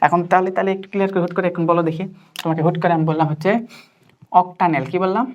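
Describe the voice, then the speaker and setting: Fast-talking low-voiced woman teacher. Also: fairly even intonation, darkish tone, highs cut off. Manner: quizzing, coaxing, checks understanding constantly. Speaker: chemistry teacher. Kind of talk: interactive tutoring lesson.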